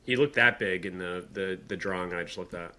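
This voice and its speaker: A man's voice: low voice, a little fast, bright, forceful tone. A young man co-hosting a podcast, chatting casually and sometimes hamming up a reading in a put-on voice. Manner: reads aloud in a hammy put-on voice, laughs easily. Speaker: podcast co-host. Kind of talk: casual chat.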